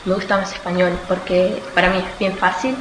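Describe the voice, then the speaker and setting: In an echoing room with noticeable noise behind her, a student answers interview questions. She is a young woman from Australia, a native Spanish speaker, whose low, level voice comes in halting phrases as she hunts for words and self-corrects.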